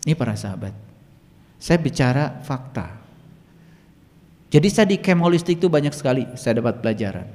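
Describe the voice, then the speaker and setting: A man preaching a sermon as a spiritual teacher, telling stories that swing between loud, emphatic passages and low, hushed asides. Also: big pitch swings, brisk, pauses often, in a large hall.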